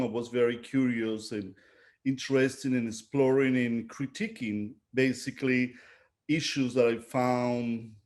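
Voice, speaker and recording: A middle-aged Venezuelan visual artist with a Venezuelan Spanish accent speaks reflectively in an unscripted interview, often searching for his words. His voice is mid-range with a darkish tone.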